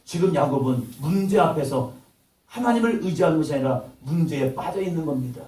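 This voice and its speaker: Male pastor mid-sermon, lively swooping pitch, heard from off-mic in a reverberant church. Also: brisk, far from the mic. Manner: impassioned preaching, acts out God's voice with sudden loud rises. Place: church sanctuary.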